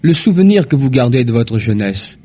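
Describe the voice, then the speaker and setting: Formal male interviewer on old worn tape, husky dark voice, muffled lo-fi sound. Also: medium pitch, sing-song, moderate pace. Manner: formal, polite questioning. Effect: old worn tape archive recording. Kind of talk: archive radio interview. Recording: dull lo-fi old tape with faint music.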